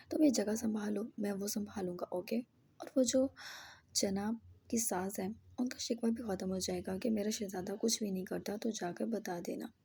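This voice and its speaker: A woman voicing a commanding, powerful man who is menacing but fond, in a low, hushed, half-whispered delivery. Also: creaky, slightly rough, heavily acted.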